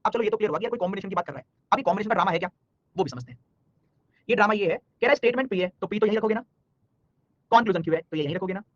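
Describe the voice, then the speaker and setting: A man teaches a live online class at a rapid clip, his voice sitting high and bright. He teases and scolds students by name between problems. The sound is dry and a little dull, with no room around it. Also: lively intonation, no echo. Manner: fast, scolding-jokey teacher talk, addresses students by name. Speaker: online exam-prep teacher.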